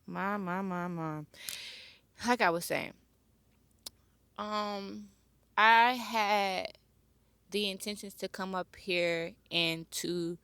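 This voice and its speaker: A young woman hosting her own podcast, talking slowly and reflectively in a personal, heartfelt monologue and pausing to search for words. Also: mid-range voice, steady tone, a bit bright, smooth, dry recording. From born near Chicago, raised near Atlanta. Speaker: podcast host.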